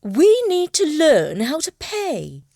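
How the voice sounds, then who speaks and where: A woman's voice: high voice, wildly swooping pitch, slow pace, creaky, warm tone, dry recording, clean studio sound, pitched above the performer's own voice, full character voice. A woman voicing a prim, thoughtful female mouse who talks in a precise, instructive way. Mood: earnest. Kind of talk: storybook character voice.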